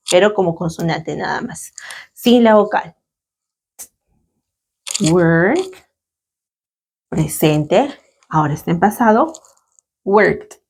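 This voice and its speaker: A woman with a husky, mid-range voice and a darkish tone teaches English with a Latin American Spanish accent. She walks through grammar slowly and patiently, checking in with her students through frequent tag questions.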